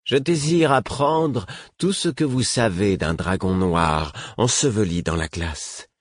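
A man voicing a huge, impatient female dragon in an audiobook, making slow, deliberate threats. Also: on the low side, dry recording, clean studio sound, voice pushed up. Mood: menacing. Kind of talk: audiobook character voice.

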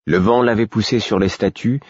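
Deep husky male audiobook narrator. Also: no echo. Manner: measured, even reading. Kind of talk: scripted first-person literary narration. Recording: dull, dry lo-fi recording.

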